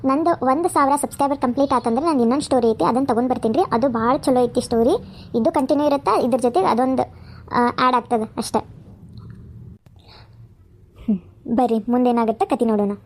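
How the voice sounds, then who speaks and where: A woman's voice: high voice, fast talker, pauses often, slight background noise. A woman with a North Karnataka Kannada accent, earnestly asking viewers for support as the channel's narrator. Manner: earnest, pleading. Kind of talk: channel outro appeal.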